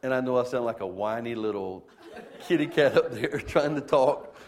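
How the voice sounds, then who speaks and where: A man's voice: mid-range voice, moderate pace. Man preaching with humorous stories. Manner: humorous storytelling, self-deprecating. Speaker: pastor. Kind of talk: sermon. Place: church.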